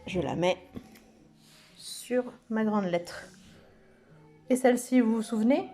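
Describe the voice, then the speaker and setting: A woman teaching preschool children, speaking slowly and stretching out each word and letter sound. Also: on the high side, dark tone, faint music behind. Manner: slow, sing-song, stretches out words and letter sounds. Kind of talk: slow lesson for young children.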